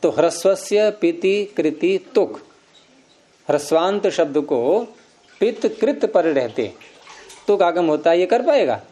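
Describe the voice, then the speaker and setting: A man's voice: high-pitched, expressive, slow, mellow. A man teaching Sanskrit grammar, explaining step by step and quizzing his students with questions. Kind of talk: classroom lecture.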